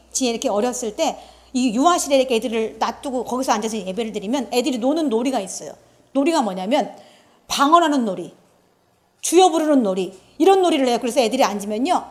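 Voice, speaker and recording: A middle-aged woman with a high voice delivers a Sunday sermon from the pulpit. She preaches earnestly and conversationally, telling stories and acting out the lines she quotes. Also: expressive, quick pace. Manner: earnest, storytelling with acted-out quotes. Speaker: pastor.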